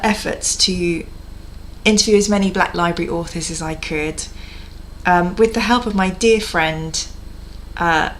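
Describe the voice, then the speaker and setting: A woman's voice: mid-range voice, fairly bright tone, a little hiss or hum. A woman hosting her channel on a livestream headset mic, chatting casually and greeting viewers. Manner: chatty, greets viewers and reads chat aloud. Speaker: YouTube channel host.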